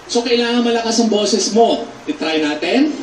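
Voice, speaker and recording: A man, a theater actor, patiently teaching voice and breathing exercises on a TV show, breaking into loud demonstration shouts. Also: high-pitched, normal speed, slight background noise. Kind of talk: instructive voice lesson on a TV show. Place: TV studio with a live audience. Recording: echoey studio, mic some distance off.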